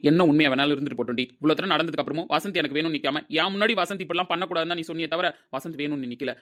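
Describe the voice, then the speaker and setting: A man playing an angry, hurt young man who shouts and scolds his lover in a Tamil audio drama. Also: on the high side, very fast, close to an everyday voice. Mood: bitter anger.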